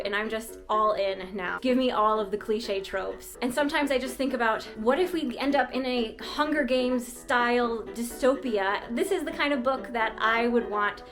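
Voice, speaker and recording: Higher-voiced woman chatting on a vlog. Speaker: vlog host. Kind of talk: casual chatty vlog narration.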